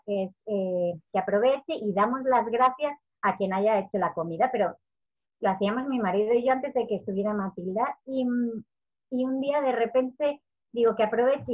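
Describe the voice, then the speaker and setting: A woman's voice: medium pitch, phone-quality sound. A woman in her thirties from Spain, a parenting educator chatting in an interview and acting out quoted lines as she tells stories. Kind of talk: casual interview talk.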